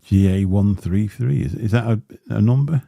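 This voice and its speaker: At a normal speed, a man with a deep, gravelly, mellow voice hosts a laid-back livestream, unboxing gear and drifting through chatty asides loaded with fillers. The close dynamic studio mic yields a dry, clean studio recording.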